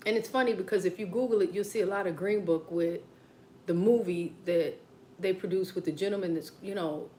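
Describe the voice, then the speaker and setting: A woman's voice: on the low side, brisk, poor audio. Woman, southern american accent, casual livestream chatter, rambling asides, faint background noise. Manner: rambling, talks to viewers as besties, drops into quiet asides. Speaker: mukbang livestream host. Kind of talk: casual late-night livestream chat. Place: at home.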